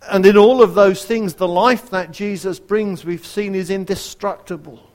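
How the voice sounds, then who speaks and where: A man preaching a sermon in an earnest way, asking his listeners direct questions and dropping to a hush for quoted verses. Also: high-pitched, fairly even intonation, moderate pace. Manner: varies loudness widely, dropping to a near whisper for quoted verses.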